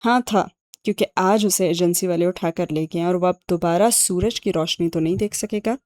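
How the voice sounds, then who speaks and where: A sardonic young man, read by a woman narrator explains himself in a dry, sarcastic way. His low voice sounds warm and mellow in a dry, close recording. It comes from a spoken audiobook. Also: fairly even intonation, no echo, natural voice. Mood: wry. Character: sharp, sardonic young man, ex-agent uncle.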